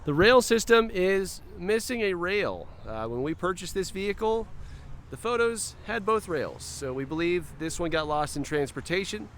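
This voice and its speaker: A man's voice: high-pitched, animated, moderate pace, fairly bright tone, slight background noise. Chatty man narrating a car walkaround. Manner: friendly, chatty, remarks to himself as he goes. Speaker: car dealership presenter. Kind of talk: casual vehicle walkaround narration. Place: outdoors around a car, then inside it.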